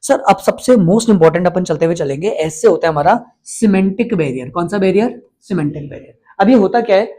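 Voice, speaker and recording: A man's voice: high voice, expressive, moderate pace, hardly any pauses, dark tone. A male teacher from India giving an exam-prep lecture, constantly quizzing his students and repeating the answers.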